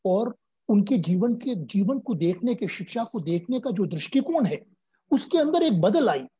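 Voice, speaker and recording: Mellow, husky older man from Uttar Pradesh. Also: high-pitched. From India, Uttar Pradesh. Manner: earnest, explanatory, mixes in English phrases. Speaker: guest science popularizer. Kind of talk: interview answers.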